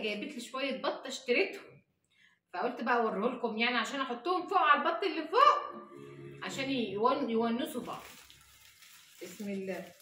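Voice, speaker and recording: A woman vlogger with an Egyptian accent talks to her pet ducks in a casual home vlog. She is excitable and full of exclamations as she coaxes the birds to calm down. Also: sits high. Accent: Egyptian Arabic. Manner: excitable, exclamatory, coaxing animals. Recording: roomy echoey home recording.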